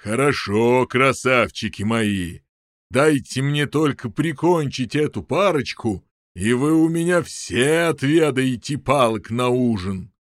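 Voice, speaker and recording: A huge, bullying giant who draws out every threat, loud and heavy, in a slow, unhurried drawl, as a male narrator voices him. The voice sits at an ordinary male pitch but has a strained, altered edge. The recording is dry and close, with no room behind it. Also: lively intonation, no room sound. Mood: gloating. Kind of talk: audiobook character voice.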